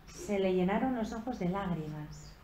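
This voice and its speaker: A woman giving a slow, reflective sermon on a Gospel passage at a retreat, rising in emphasis on key phrases. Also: medium pitch, animated, dark tone. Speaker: preacher giving a retreat talk. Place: convent retreat room. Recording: echoey room with faint background noise.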